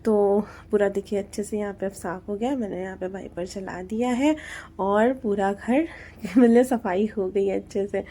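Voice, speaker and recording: A woman's voice: medium pitch, normal speed, warm tone. Chatty woman narrating her home routine. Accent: Hindi. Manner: chatty, explains step by step with many fillers. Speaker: homemaker vlogger. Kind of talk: casual voice-over narration of daily routine.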